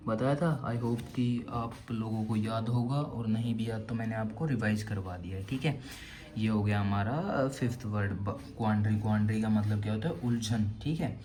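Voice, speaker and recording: This young online tutor has a fairly low, warm voice and talks at normal speed. He walks through memory tricks for exam vocabulary, asks himself questions and answers them, and says "theek hai" constantly between points.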